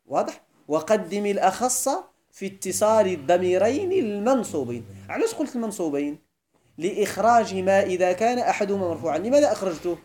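A man's voice: sits high, very animated, quick pace, a little mellow. A man with a Moroccan accent lecturing on Arabic grammar, switching between classical Arabic and Moroccan dialect and often checking that his students follow. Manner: keeps checking the class understands. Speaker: Islamic scholar teaching Arabic grammar.

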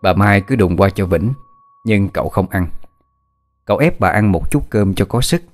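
A man narrating a dramatic story in a steady, measured storytelling manner. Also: on the low side.

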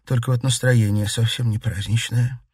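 A man's voice: mid-range voice, normal speed, breathy edge, dry recording, clean studio sound, recorded from a distance, pitched above the performer's own voice, natural voice. A man doing a cheerful young woman. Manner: lively, chatty.

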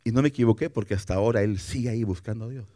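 A man preaching a sermon as a guest pastor, animated, acting out quotes and asking the listeners questions. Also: fairly low pitch, rapid-fire, no echo. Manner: animated, acts out quotes, asks rhetorical questions. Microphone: broadcast for television.

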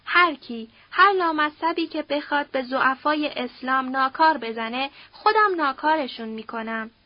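A woman voicing a coarse, greedy middle-aged man, once a neighborhood strongman, who talks in gruff street slang. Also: sits high, lively intonation. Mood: boastful. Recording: dull dry audiobook recording.

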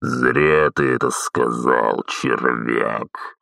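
A cold masked villain with a very deep, gravelly voice, dragging each word out slowly in contempt, as a male narrator plays him. His delivery is measured and unhurried, and the sound is dry and close to the mic. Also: fairly even intonation, sharp tone, no echo, exaggerated voice. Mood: contemptuous. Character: cold masked fire-wielding villain, man.

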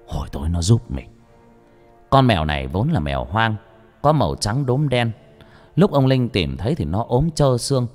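A man narrating a ghost story in an expressive storytelling manner. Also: mid-range voice. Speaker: audiobook narrator. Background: faint background music.

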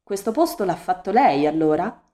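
A woman's voice: on the low side, big pitch swings, moderate pace, warm tone. A woman voicing a brave, stubborn young girl who speaks firmly and defiantly, in an audiobook reading. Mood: puzzled.

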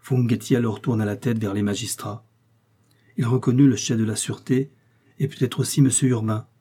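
A man reading a novel aloud as an audiobook narrator, steady and measured. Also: medium pitch, slightly rough.

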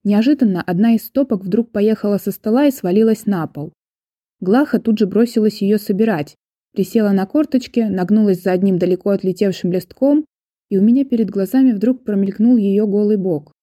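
A woman narrating a first-person audiobook in a steady, measured storytelling manner. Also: medium pitch, no room sound, studio quality.

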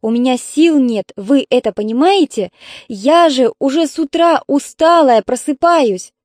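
A woman voicing a tired, sharp-tongued elder daughter, sarcastic and exasperated, in an audiobook reading. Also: high-pitched, lively intonation, unhurried, no echo, clean studio sound, voice pushed up.

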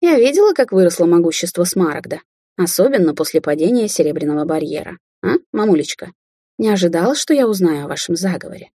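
Woman voicing a scornful young witch daughter, husky, storybook read. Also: fairly low pitch, expressive, fast, warm tone, no room sound, studio quality. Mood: mocking. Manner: sarcastic, taunting. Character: young adult woman sorceress, mocking daughter. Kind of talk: audiobook character voicing.

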